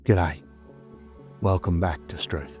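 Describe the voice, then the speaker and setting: A man's voice: sits low, fairly even intonation, takes it slowly, music in the background. An Australian man narrating scripted ghost stories as a storyteller host, in a suspenseful, dramatic manner with short phrases.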